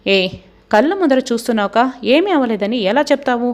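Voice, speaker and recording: A woman's voice: a little high, lively intonation, pitched above the performer's own voice, close to an everyday voice. A woman voicing a haughty, scheming young wife with a taunting way of talking, as dialogue in a serial recap. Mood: sneering. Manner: taunting, quick retorts.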